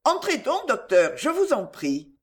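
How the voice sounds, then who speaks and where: Reader doing a distressed young girl, higher voice, pleading and anguished, storybook reading. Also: very animated, measured pace.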